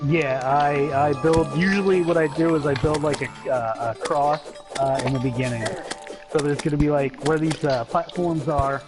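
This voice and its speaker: A man co-hosting a casual let's-play chat, explaining things at length in a halting way with lots of fillers and the odd swear. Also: fairly high pitch, rough recording. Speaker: co-host of a gaming channel. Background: game music.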